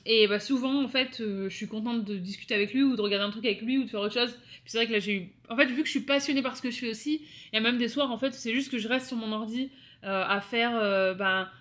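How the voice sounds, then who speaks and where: A young woman from France talks casually to her viewers from her apartment at night. Her voice sits a little high, and she drifts from point to point with many fillers and restarts. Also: a bit bright. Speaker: vlogger. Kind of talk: casual chat to camera.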